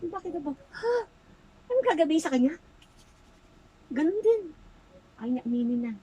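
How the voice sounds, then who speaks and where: A woman's voice: sits high, big pitch swings, normal speed, dark tone, a little hiss or hum, poor audio. A woman folk healer interrogating a spirit during an exorcism, insistently repeating short questions.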